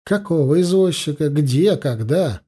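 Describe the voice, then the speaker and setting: A calm, ironic police investigator in an audiobook, voiced by a male reader, coaxing a suspect with lively, rising and falling intonation. his voice is mellow and a touch husky, with a gravelly edge. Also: on the high side, measured pace.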